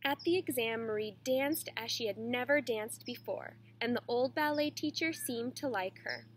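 A woman teacher reading a children's picture book aloud in a clear, expressive way. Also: on the high side, moderate pace, a little hiss or hum.

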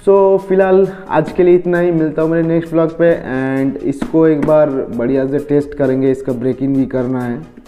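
A young man with a hoarse, coughing voice chats casually to viewers in a motorcycle vlog. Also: fairly high pitch, steady tone, moderate pace, narrow, tinny audio, soft background music. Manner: chatty, addresses viewers as guys. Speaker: motovlogger.

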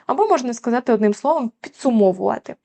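A woman's voice: fairly high pitch, animated, fast, gravelly, mellow. Woman tutor explaining language errors. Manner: patient, many filler sounds and tag questions. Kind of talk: explaining grammar lesson.

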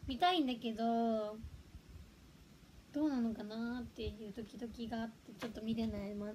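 A woman's voice: on the high side, fairly even intonation, brisk, a little mellow, slight background noise. A young woman chatting casually on a livestream, giggling and reacting to viewer comments. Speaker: livestream host.

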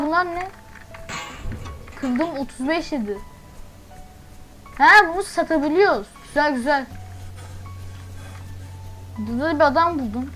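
Woman, high voice, gameplay commentary, chatty, startled yelps, faint music behind. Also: rough recording. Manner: chatty, thinks aloud, quick startled exclamations. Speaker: gaming channel host.

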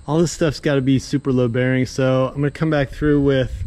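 A man in his thirties chatting casually to the camera while framing a barn outdoors, thinking out loud in a rambling, laid-back way. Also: mid-range voice, steady tone, a little fast. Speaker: builder vlogger. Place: outdoors at a barn construction site. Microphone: action camera, sometimes head-mounted.

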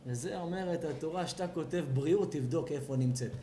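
A man, a rabbi, giving an animated sermon at a home gathering, asking the audience questions and acting out voices. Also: fairly high pitch, background noise. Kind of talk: lively sermon at a house blessing.

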